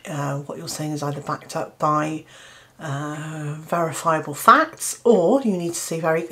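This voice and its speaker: Speaking to camera in British English, a gardening channel host in her fifties offers her earnest opinions, stumbling into restarts and fillers along the way. Her voice sits lowish and sounds a bit bright.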